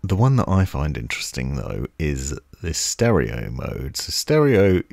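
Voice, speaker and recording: A man reviewing gear casually at his desk, explaining and demonstrating features step by step into a microphone on a boom arm. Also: very animated, measured pace, gravelly, a little mellow. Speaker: tech reviewer. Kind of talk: casual product review demo. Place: desk setup indoors.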